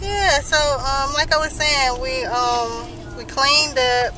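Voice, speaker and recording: A woman casually telling a story in a vlog, chatty and quick to laugh. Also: high voice, a crowd in the background, noisy background. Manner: chatty, laughs often, playful. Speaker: vlogger. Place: car and park, outdoors.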